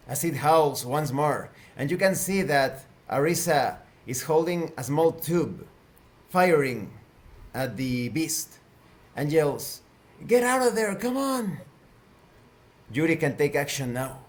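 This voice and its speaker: A man narrating as game master of a tabletop game, measured and a little halting. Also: medium pitch.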